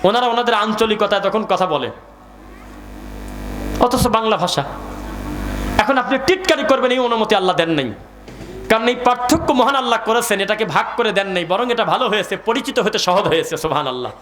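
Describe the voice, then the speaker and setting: A Bangladeshi man delivers a sermon at a religious gathering. His voice sits high and sounds bright and cutting. He keeps quizzing the listeners and drops into recited Arabic verses. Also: lively intonation, a little fast. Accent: Bangladeshi Bengali. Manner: call-and-response with the crowd, reciting Arabic verses. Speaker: preacher.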